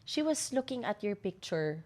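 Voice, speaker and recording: A woman's voice: mid-range voice, lively intonation, normal speed. A young adult woman hosting a podcast interview, affirming and code-switching often between Tagalog and English. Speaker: podcast host. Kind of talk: casual interview chat.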